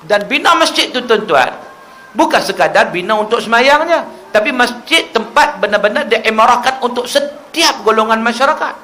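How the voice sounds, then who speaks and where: A man preaching a lively, humorous sermon in a mosque, full of rhetorical questions. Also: very high-pitched, normal speed, a little hiss or hum. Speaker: religious preacher. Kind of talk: animated sermon. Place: mosque prayer hall.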